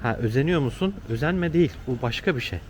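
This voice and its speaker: Speaking fast in a mid-range voice with lively intonation, a man chats casually with a companion as a travel vlogger. He explains things conversationally as they move along city streets outdoors, with traffic making the setting noisy.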